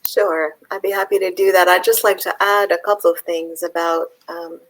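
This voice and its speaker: A woman from Palestine, a poet, talking thoughtfully with pauses and fillers, then reading her own poem aloud. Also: on the low side, fairly even intonation, poor audio. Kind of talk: conversation and poetry reading.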